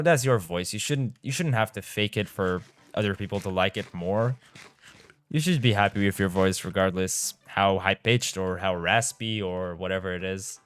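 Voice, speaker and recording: A young Romanian game streamer with a Romanian accent chats casually with his live-stream audience as he plays, reading chat aloud and tripping over his words now and then. His voice is lowish and clean in a dry recording.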